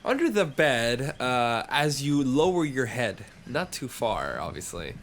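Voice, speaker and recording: Game master, male, mid-pitched, slow and halting narration, light hiss on a call line. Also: sing-song, a bit bright. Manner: unhurried, halting scene description with many fillers.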